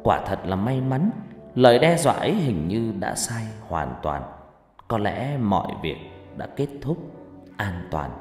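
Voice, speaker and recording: A man's voice: fairly low pitch, sing-song, a little slow, a little mellow, reverberant, in a large hall, soft background music. A man narrating a first-person ghost story in a dramatic, scripted telling.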